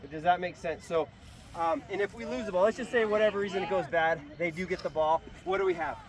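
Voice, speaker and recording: A man's voice: high voice, quick pace, a crowd in the background. A man coaching a soccer team in a halftime pep talk, instructive and often checking understanding with short tag questions. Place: outdoors at a sports field. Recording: outdoor field with clear traffic noise.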